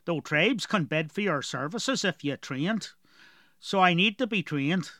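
A man voicing a gruff, thrifty male dwarf traveler with a strong rustic dialect who haggles in short, blunt phrases. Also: high-pitched, normal speed, darkish tone, no echo, clean studio sound, pitched above the performer's own voice, close to an everyday voice.

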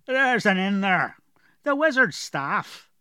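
A man voicing a gruff, thrifty male dwarf traveler with a strong rustic dialect who haggles in short, blunt phrases. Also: sits high, normal speed, a little mellow, dry recording, studio quality, voice pushed up, lightly acted.

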